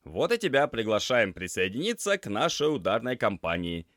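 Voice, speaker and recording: A brash, teasing young tomcat student, put on by a male narrator. The voice jumps high and swings widely, loud and playful. It sits dry and close to the mic. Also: very animated, normal speed, dry recording. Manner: teasing, boisterous. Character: cheeky young male cat student, joker.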